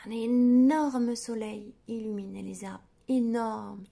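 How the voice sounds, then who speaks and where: A woman reading a children's story aloud in a soft whisper, slow and drawn-out. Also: a little high, steady tone, creaky.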